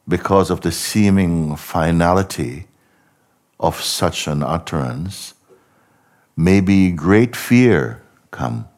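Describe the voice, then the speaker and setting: A man giving a contemplative spiritual talk as a teacher, speaking slowly and reflectively, posing many rhetorical questions and often trailing off softly. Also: low voice.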